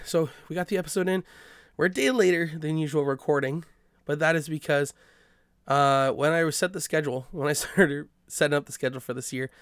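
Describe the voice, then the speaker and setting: A man's voice: on the high side, clean tone, no room sound, studio quality. A man, congested from a cold, hosting a podcast in a rambling, chatty way with frequent self-corrections. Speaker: podcast host. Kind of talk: casual podcast intro.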